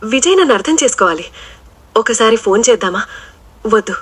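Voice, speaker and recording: A woman's voice: fairly high pitch, expressive, a little fast, husky. A woman voicing a proud, independent young city daughter-in-law, speaking her thoughts in a reflective, self-assured way in an audio drama. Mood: wistful. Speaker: character voice. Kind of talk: inner monologue in an audio drama.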